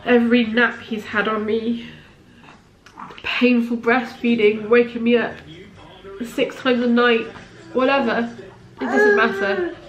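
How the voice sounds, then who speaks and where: A woman's voice: a little high, flat delivery, takes it slowly. A woman, talking candidly to camera as a parenting vlogger, chatty and heartfelt with rambling asides. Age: late 30s. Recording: roomy echo in a home room.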